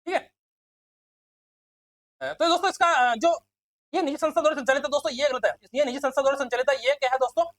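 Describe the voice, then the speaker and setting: A male teacher running a quick exam quiz lesson, repeating himself and constantly calling his listeners friends. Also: extremely high pitch, a bit bright, no room sound. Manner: fast, repetitive, keeps addressing listeners as friends.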